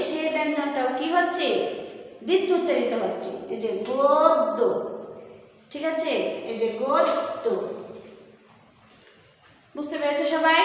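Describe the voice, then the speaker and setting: A woman teacher giving an online class, who asks the class questions, answers them herself and draws out example words slowly. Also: high-pitched. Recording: very echoey room with long reverb.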